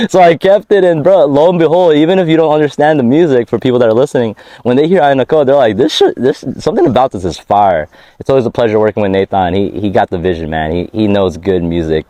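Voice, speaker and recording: A US rapper being interviewed on a hike talks about his music fast, his mid-range voice dark in tone but lively in intonation. He keeps it laid-back and slangy, with lots of laughter, and the audio has no echo.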